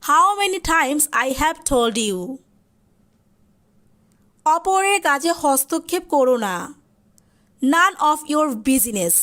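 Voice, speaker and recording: Slow, deliberate woman drilling English phrases. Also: high voice, animated, a bit bright. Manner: says each English phrase twice, very slowly and deliberately. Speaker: English teacher.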